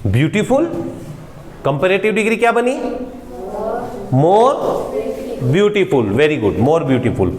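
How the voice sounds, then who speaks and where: Male teacher, animated classroom delivery, keeps quizzing students, roomy long reverb. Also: fairly high pitch, normal speed, background noise. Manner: asks students questions and repeats words for them. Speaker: English grammar teacher. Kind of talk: classroom lesson explaining grammar. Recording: echoey room with long reverb.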